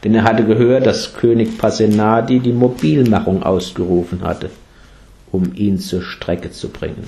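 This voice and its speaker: A man narrating a story in a calm, measured way. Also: on the low side.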